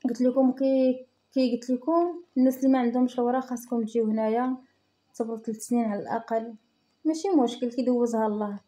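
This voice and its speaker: A woman's voice: on the high side, steady tone, fast, dark tone. A young woman with a Moroccan Arabic accent, giving earnest personal advice in a vlog and repeating phrases for emphasis. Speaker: vlogger.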